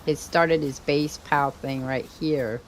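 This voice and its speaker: An older woman chats loosely while she plays, her sentences wandering and trailing off. Her voice has a gravelly, creaky grain. A faint hiss sits underneath. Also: deep voice, fairly even intonation, slow. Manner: rambling, trailing off mid-sentence. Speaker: streamer. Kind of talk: casual gameplay chat.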